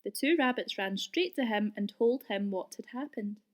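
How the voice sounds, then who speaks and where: A woman with a medium-pitched voice reads a children's story aloud, expressive and deliberate.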